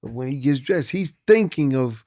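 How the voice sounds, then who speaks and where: A man's voice: mid-range voice, animated, moderate pace, warm tone, dry recording, clean studio sound. A man in his fifties, a podcast guest, speaking earnestly and reflectively and often restarting his words. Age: 50s. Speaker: guest, film producer. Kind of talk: casual chat.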